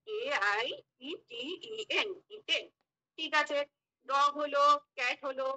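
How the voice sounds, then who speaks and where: A woman's voice: sits high, pushed and bright, rough recording. A woman giving a demo class to young pupils, speaking, spelling English words letter by letter and quizzing the class. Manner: spells words letter by letter, asks and answers questions; mixes English phrases into the lesson. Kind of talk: mock classroom teaching.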